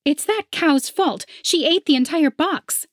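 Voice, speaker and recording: A woman voicing a scheming, snooty winged female potion seller who speaks in a shrill, haughty way. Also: a little slow, no room sound, studio quality.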